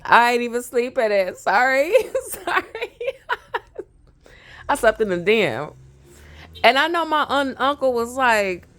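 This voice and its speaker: A woman's voice: on the high side, measured pace, long pauses, fairly bright tone. A woman in her thirties with a Brooklyn accent, telling a rambling family story to camera and laughing often. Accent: Brooklyn, New York. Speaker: vlogger.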